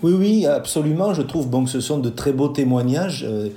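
A man explains his field in a measured interview answer, pausing often to find the right words. His voice is mellow and dark. The sound carries a roomy echo around him. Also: on the high side, animated. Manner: measured, deliberate, many hesitations. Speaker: linguist guest.

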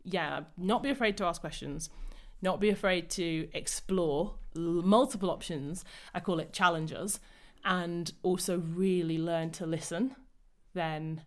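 A woman's voice: lowish voice, a little slow, hardly any pauses. A woman hosting a podcast, talking enthusiastically and reflectively in a casual conversation. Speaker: podcast host.

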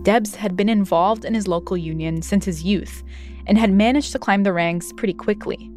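A woman's voice: mid-range voice, moderate pace, darkish tone, soft background music. A woman from New Jersey hosting and reading scripted documentary narration. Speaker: host and narrator.

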